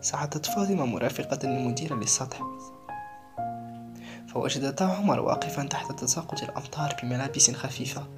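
Hushed low-voiced woman storyteller. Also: fairly quick, loud music behind the voice. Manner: hushed, breathy, half-whispered delivery. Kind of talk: dramatic story narration.

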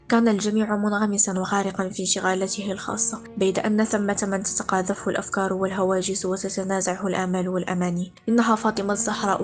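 Woman, story narrator, quick reading, even monotone, faint music behind. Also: mid-range voice. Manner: steady, literary. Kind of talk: read-aloud story narration.

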